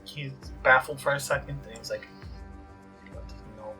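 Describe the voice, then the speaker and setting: A man's voice: medium pitch, fairly even intonation, fairly quick. A man playing a tabletop game, talking casually and describing how his character reacts. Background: soft music.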